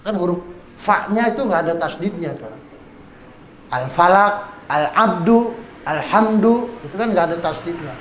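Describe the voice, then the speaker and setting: Guy teaching quran recitation, highish voice, slow and patient, echoey room. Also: animated, slight background noise. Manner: patient, repeats examples slowly, chants verses. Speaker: Islamic teacher. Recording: echoey room with faint ambience.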